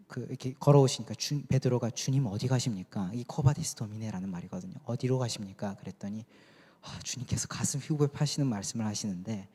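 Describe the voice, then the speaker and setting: Mellow male preacher in a reverberant church. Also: mid-range voice, slightly rough. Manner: conversational, asks the congregation questions. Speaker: youth pastor. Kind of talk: sermon. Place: church sanctuary. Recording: long church hall reverb.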